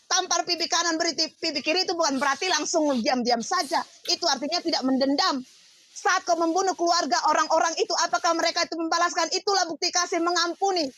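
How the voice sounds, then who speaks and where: A woman's voice: very high-pitched, fast, fairly bright tone, slight background noise. A woman pastor preaching on a livestream, confrontational and firing off rhetorical questions.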